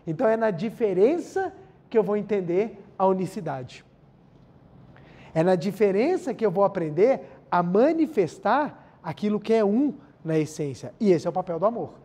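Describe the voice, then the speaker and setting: Brazilian male spiritual lecturer, warm husky voice, folksy and anecdotal, speaks straight to his listeners. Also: high-pitched, very animated, moderate pace. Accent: Brazilian Portuguese. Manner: anecdotal, addresses listeners as "gente", repeats key phrases.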